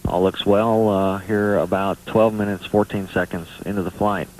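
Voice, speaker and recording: A man with a fairly low voice delivers live mission commentary. He is measured and matter-of-fact, giving technical readouts as a launch announcer. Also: little pitch movement, darkish tone, low-quality recording. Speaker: NASA public affairs launch commentator.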